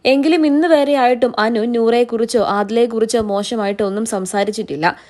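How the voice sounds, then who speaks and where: A woman giving scripted voice-over commentary as a reality show commentator, in an even, explanatory recap. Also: on the high side, brisk.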